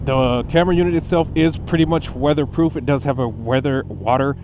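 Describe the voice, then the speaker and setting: Lisping man in a helmet, loud vehicle noise. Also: medium pitch, fairly quick. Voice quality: lisp from wearing braces, slightly slushy speech; mouth squeezed by cheek pads in a tight helmet. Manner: jokey, self-deprecating, slangy. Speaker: motorcycle vlogger reviewing gear. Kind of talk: casual rambling review to camera while riding. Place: outdoors on a moving motorcycle. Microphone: helmet-mounted unit inside a tight helmet. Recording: dull helmet mic, loud engine and road noise.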